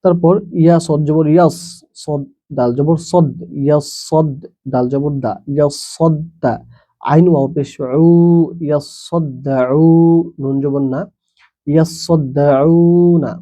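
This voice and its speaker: A man's voice: a little high, fairly even intonation, a little slow, long pauses, mellow. A man teaching Quran reading who spells out each letter and vowel mark, then blends the syllables, with plain explanatory asides between the drills.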